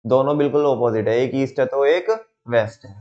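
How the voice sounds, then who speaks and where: A man's voice: mid-range voice, brisk, a little mellow, muffled recording. A young man teaching a class, telling stories, acting out quotes and quizzing his students as he explains. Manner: storytelling, asks students questions, acts out quotes. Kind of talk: lively classroom lecture with acted examples.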